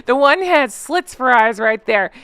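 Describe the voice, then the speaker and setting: A woman gossip host with a fairly high voice that swings widely in pitch. She chats casually and gives mocking, sarcastic commentary in an animated way. The sound is dry and close. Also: measured pace, clear, resonant tone, dry recording. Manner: animated, exclamatory delivery. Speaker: host of a celebrity gossip recap channel. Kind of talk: casual, chatty opinionated commentary.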